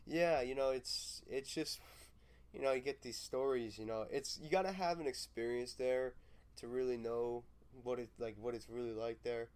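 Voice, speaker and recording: Young podcast guy, mid pitch, rambles with lots of you-knows. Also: moderate pace, darkish tone, clean tone. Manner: rambling with many fillers and restarts. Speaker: podcast co-host. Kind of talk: casual chat.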